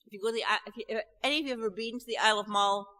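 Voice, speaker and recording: This Scottish woman is a festival singer introducing a song in a church hall, captured live with plenty of hall reverb. Her voice sits on the high side with a steady tone, racing along, pushed and bright. She chats to the audience nervously and self-deprecatingly, with laughs and restarts.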